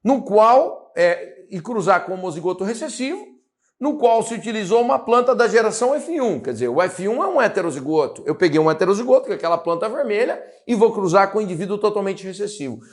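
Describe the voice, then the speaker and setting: A Brazilian man with a fairly high voice works through an exam problem as a biology teacher. He talks in a lively, chatty way, repeating little cues to keep students with him. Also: fast. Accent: Brazilian Portuguese. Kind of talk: exam-solving lesson.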